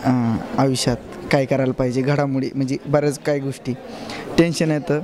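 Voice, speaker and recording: A man's voice: medium pitch, level tone, brisk, a crowd in the background. A young man, an actor guest, answering shyly and hesitantly with small laughs. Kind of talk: casual interview.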